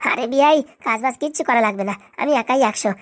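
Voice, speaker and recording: A proud mother-in-law talks her way around her own temper in a cartoon, voiced by a woman. The voice is high and very quick. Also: lightly acted. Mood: placating. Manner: quick, self-justifying. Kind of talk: cartoon voice acting.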